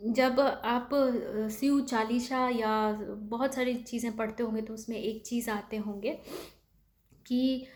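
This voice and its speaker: A woman's voice: on the high side, steady tone, slow, darkish tone. A woman giving a motivational spiritual talk, earnest and pleading, asking rhetorical questions and mixing in English words. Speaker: spiritual speaker.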